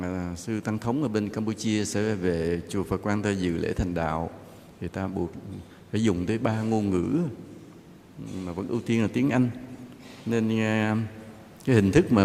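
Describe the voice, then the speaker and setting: A man, a Buddhist monk, giving a relaxed, conversational dharma talk with gentle jokes. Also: fairly low pitch, vocal fry, a little hiss or hum. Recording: long hall reverb, faint ambience.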